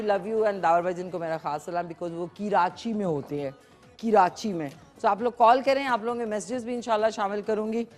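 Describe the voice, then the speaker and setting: A woman from Pakistan hosting a live morning cooking show, chatty and playful, slipping English phrases into her talk. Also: fairly low pitch.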